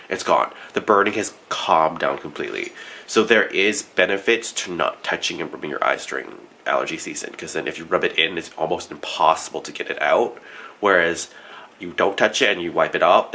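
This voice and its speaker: With a low, bright and forceful voice, a young man rambles casually through his vlog, frequently laughing and correcting himself. His allergies leave him sounding stuffed up.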